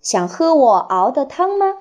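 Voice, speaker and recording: A woman's voice: sits high, very animated, unhurried, muffled recording, a little hiss or hum, voice pushed up. A woman reading as a kindly old lizard granny. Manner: gentle, chuckling. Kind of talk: storybook reading aloud.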